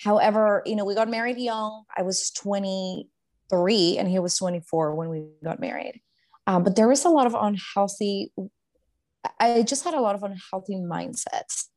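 A woman's voice: medium pitch, moderate pace, darkish tone. A woman in her thirties from Guatemala, a life coach talking earnestly and reflectively in a casual faith-based interview, with many fillers and restarts. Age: 30s.

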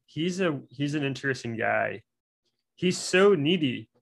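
A man co-hosting a casual chat, relaxed and agreeable, often laughing as he talks. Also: fairly high pitch, a little slow, creaky. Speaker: podcast co-host. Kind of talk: casual chat recapping a reality show.

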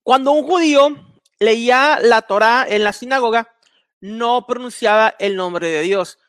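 High-voiced man teaching with slides. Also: a little slow, fairly bright tone, no echo. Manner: methodical, with many fillers and restarts. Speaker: Bible teacher. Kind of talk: explaining slides in a recorded lesson.

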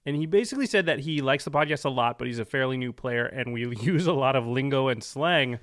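A male podcast co-host talking in a casual, explanatory style. His pitch is average for a man and the sound is dry, free of room echo. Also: animated, fast talker.

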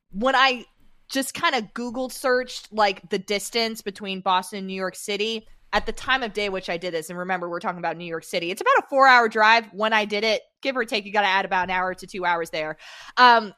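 A woman's voice: mid-range voice, bright, forceful tone, no echo. A woman co-hosting a running podcast, giving upbeat, chatty analysis and often saying "I feel like.". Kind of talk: casual sports podcast analysis.

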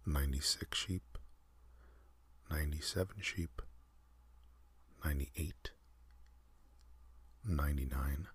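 A man telling a calm ASMR sleep story, counting in a soft, half-whispered, unhurried way. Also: very deep voice, slightly rough.

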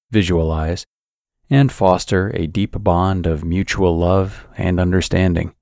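A man narrating a scripted guided sleep meditation in a calm, soothing, measured sleep-story manner. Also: low voice, dry recording, studio quality.

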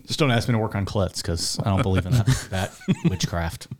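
A man's voice: deep voice, a little fast. A man co-hosting a podcast, trading teasing, jokey banter. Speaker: podcast co-host. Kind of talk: casual chat.

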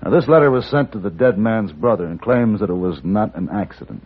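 An actor playing a cool, self-assured American hired gun in an old radio western, speaking formally and with measure. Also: male voice, fairly low pitch, lively intonation, fairly quick, slightly rough. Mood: cool, firm. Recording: dull old radio recording.

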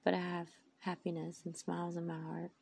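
Woman, weary and tearful, heartfelt faith monologue; low, flat delivery, faint hiss behind. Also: fairly quick, vocal fry. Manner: heartfelt, emphatic, rambling. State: tired, tearful. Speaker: faith vlogger. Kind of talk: inspirational monologue.

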